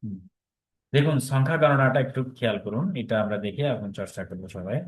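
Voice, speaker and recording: A man teaching an online class, patiently repeating each word slowly so the students can copy it. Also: on the low side. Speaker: Sanskrit teacher.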